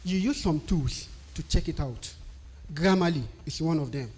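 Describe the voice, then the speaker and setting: During a live-stream talk on technical writing, a Nigerian man with a Nigerian accent, not a native English speaker and with a Nigerian language as his first tongue, often raises questions and answers them himself. His fairly high voice moves at a normal speed, a little mellow with a breathy edge.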